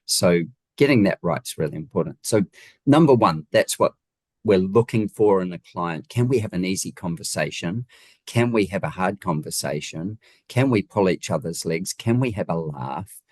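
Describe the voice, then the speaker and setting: A man from the Wellington region of New Zealand, a home designer appearing as a guest, answers interview questions in a conversational, emphatic way and often drives his points home with rhetorical questions. His expressive voice sits low and is a little mellow, moving at a moderate pace. The recording is dry.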